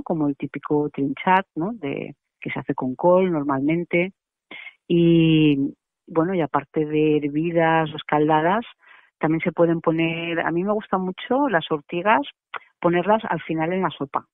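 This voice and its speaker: A woman's voice: deep voice, no room sound. A woman, a macrobiotic cooking guest on a radio interview, chatty and explanatory, with many tag questions. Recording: dry, tinny phone line.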